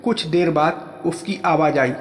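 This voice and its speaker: A man telling a first-person story in plain, steady narration. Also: a little high, a little slow. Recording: echoey room with long reverb.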